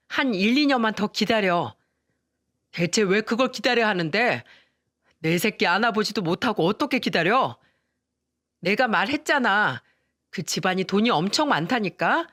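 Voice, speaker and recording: A woman voicing a scheming young wife in a storybook reading, her voice pushed high and whiny. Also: a bit bright, dry recording, studio quality.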